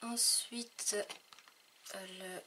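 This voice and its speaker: A woman talking casually through a crafting haul, hesitant with many fillers and often trailing off quietly. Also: on the high side, steady tone, drawn-out words, slight background noise. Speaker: crafting vlogger.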